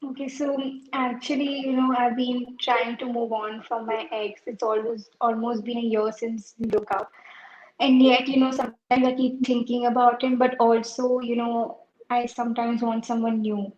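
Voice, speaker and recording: Echoey lo-fi call, woman, fairly even intonation, casual conversational caller. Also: a little high, moderate pace. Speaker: caller seeking a psychic reading. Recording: dull lo-fi call with echo.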